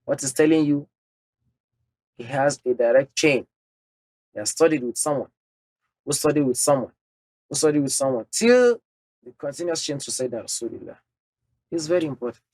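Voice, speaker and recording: A man's voice: a little high, lively intonation, normal speed, long pauses, a little mellow, dry recording. A man giving a religious lecture, speaking emphatically, laying out numbered points and sprinkling in Arabic terms. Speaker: Islamic teacher.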